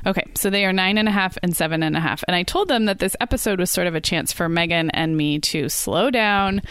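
A woman's voice: lowish voice, fairly quick, fairly bright tone, clear, resonant tone, no echo, studio quality. A woman in her thirties hosting a podcast in casual chat, talking freely with frequent ums and restarts. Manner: chatty, many ums and restarts. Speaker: podcast host.

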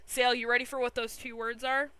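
A woman's voice: fairly high pitch, little pitch movement, fast, bright, forceful tone, clean tone, no echo, rough recording. An American woman co-hosting a casual chat, telling stories bluntly and swearing constantly. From United States. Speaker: co-host.

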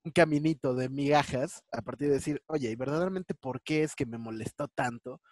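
A man in a casual conversation, reflecting out loud and working through examples. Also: medium pitch, fairly quick, no room sound, clean studio sound.

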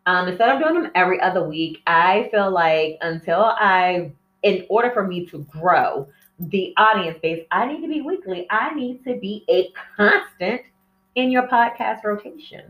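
A woman's voice: mid-range voice, lively intonation, normal speed. A woman hosting a casual, candid solo podcast, rambling and easily sidetracked, heard from a distance on a phone microphone. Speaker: podcast host. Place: indoor room with plants. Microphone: cell phone set away from her, distant. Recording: echoey room, distant phone mic, dull sound.

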